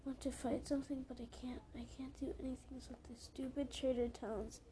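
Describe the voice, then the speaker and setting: A woman's voice: high voice, little pitch movement, brisk, noisy background, natural voice. A woman reading aloud as a weary young male dragon held captive, who talks in a glum, self-mocking way.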